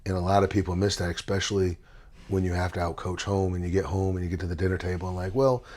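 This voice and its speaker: Male podcast host, lowish voice, chatty and playful, casual interview delivery. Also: steady tone, fast talker, a little mellow.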